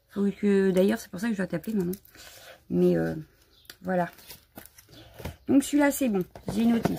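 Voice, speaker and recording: A woman's voice: fairly high pitch, vocal fry, a little mellow. A woman hosting a casual live crafting stream from home, chatty and a bit scattered, greeting viewers as she shows her supplies. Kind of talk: casual live unboxing chat.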